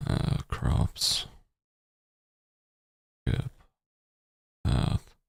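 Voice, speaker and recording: A man streaming a game, reading its story text aloud and adding halting, muttered casual commentary. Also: dry recording, clean studio sound. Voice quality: very deep, gravelly, husky.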